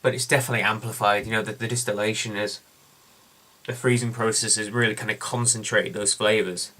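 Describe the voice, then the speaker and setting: A man's voice: fairly low pitch, steady tone, a little fast, pushed and bright. A man hosting a casual beer review, chatting and telling a story with lots of ums and uhs.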